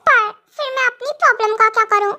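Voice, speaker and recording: A woman playing a naive young wife in a fan audio drama, pitched very high and bright. She giggles and whines like a child as she chatters on. The sound is sharp and high, with no deep tones. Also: fast, lo-fi sound, full character voice. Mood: giggly, whiny.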